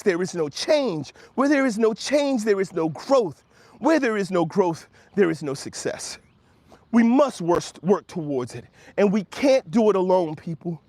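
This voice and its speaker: An American talk show host in his fifties from Washington, D.C. gives a motivational monologue in a high-pitched voice, with no room sound. He sounds emphatic and preacherly, leaning on repetition and rhetorical questions.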